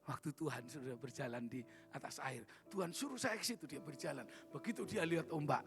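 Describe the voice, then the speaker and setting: A man pastor preaching a sermon in church, emphatic, calling for amens and swinging from loud to soft. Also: fairly high pitch, expressive, fairly quick, music in the background. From Indonesia. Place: church worship service.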